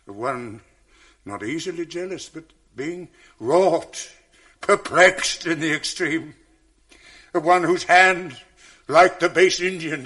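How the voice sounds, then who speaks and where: An actor playing Othello, a proud general broken by grief, declaiming verse in a 1980s radio drama. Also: male voice, mid-range voice, husky, exaggerated voice. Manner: declamatory verse, swings from loud to whispered.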